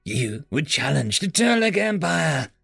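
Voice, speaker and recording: A man's voice: on the high side, sing-song, unhurried, creaky, fairly bright tone, husky, dry recording, studio quality, soft background music, pitched above the performer's own voice, full character voice. A man voicing a proud, contemptuous male alien prisoner who speaks with disdain. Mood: scornful. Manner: haughty, disdainful.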